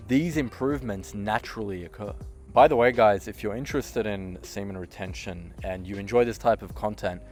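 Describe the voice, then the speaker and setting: A man who works as a communication coach, giving an emphatic motivational monologue to camera, with sentences that end flat and firm, and his loudness swinging between punchy and hushed. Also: fairly low pitch. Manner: flat, downward-ending sentence endings. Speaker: communication coach and podcast host.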